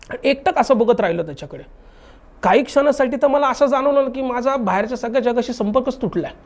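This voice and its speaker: A young man telling a haunted story in casual chat, acting out the dialogue animatedly. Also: very high-pitched. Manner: animated, acts out dialogue in his retelling. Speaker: guest telling a true ghost story.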